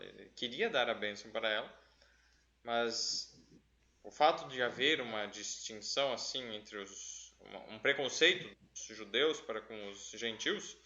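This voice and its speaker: A man's voice: mid-range voice, bright, forceful tone, highs cut off. A man leading a Bible study, reading scripture aloud and explaining it step by step, often checking in with "né?". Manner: thoughtful, explains step by step with frequent "né?".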